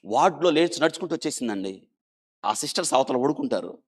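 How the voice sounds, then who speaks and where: A male doctor recounts a story in an interview with lively, rising and falling pitch at a middle register. He swings from loud, emphatic bursts to hushed asides, and keeps urging his listeners to stop and think. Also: quick pace, slightly rough. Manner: dramatic, animated storytelling that swings between loud emphasis and quiet.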